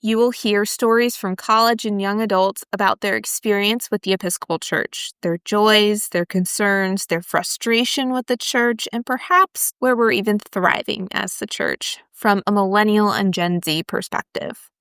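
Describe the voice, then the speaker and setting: A woman's voice: medium pitch, moderate pace, a bit bright, clean tone, dry recording, clean studio sound. A young adult woman from Florida hosting a podcast, chatting enthusiastically and sharing her own story. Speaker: podcast host. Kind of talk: casual podcast chat.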